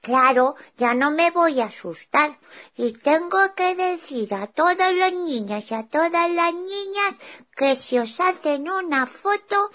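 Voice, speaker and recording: A woman's voice: very high-pitched, animated, slow pace, a bit bright, full character voice. A woman voicing a cheerful, chatty young boy who retells his day eagerly, stumbling over restarts in a children's show. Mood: earnest. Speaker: child character telling a story.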